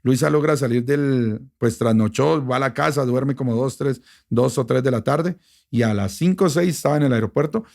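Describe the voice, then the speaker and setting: A middle-aged man with a Bogotá Colombian accent, a radio journalist telling a personal story in an interview, emotional and animated, with many restarts. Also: mid-range voice, normal speed, creaky. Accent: Bogotá Colombian Spanish. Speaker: radio journalist and station director.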